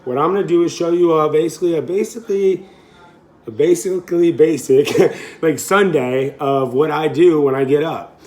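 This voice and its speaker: This late-thirties fitness coach rambles through a home cooking vlog, laughing easily as he corrects himself. His voice is fairly high and a little mellow, at a moderate pace.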